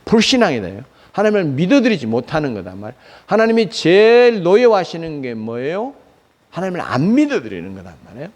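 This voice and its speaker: A man's voice: fairly high pitch, huge pitch swings, fast talker. A man pastor preaching a Sunday sermon, asking rhetorical questions and answering them himself, with frequent fillers. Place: church sanctuary.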